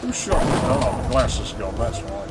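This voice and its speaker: A man's voice: mid-range voice, very animated, normal speed. A man giving casual, understated commentary as he plays through a game, musing as he goes. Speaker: gaming video host. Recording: loud game music behind voice. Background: game music and sound effects.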